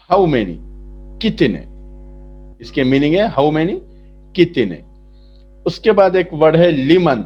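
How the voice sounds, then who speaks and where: A man teaching from a chart, slowly explaining each word and asking then answering his own questions. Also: a little high. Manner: slow, repetitive explaining, asks then answers. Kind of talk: lesson explaining a vocabulary chart. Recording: dull lo-fi sound.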